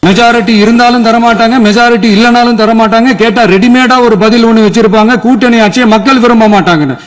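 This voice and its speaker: Forceful man orating in a noisy chamber. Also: very high voice, fairly even intonation, fast talker. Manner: forceful, repetitive rhetorical questions. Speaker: legislator giving a speech. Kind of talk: formal assembly speech. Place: legislative assembly chamber.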